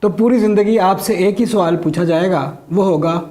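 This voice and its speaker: Mellow yet high-pitched, a man performs stand-up at a normal pace, landing his jokes in a dry manner. The audience laughs along, and the recording is noisy.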